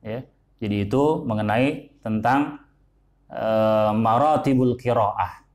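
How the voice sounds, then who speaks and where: Man, religious teacher, measured explanatory lesson, repeats words, mid-pitched. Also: a little mellow. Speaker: Quran recitation teacher.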